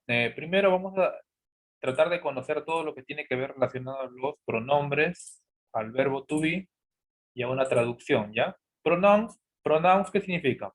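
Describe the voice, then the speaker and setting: A man teaching a grammar lesson. He poses students' questions aloud, answers them himself, and repeats key words slowly. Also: fairly high pitch. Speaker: English teacher. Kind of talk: classroom-style lesson explanation.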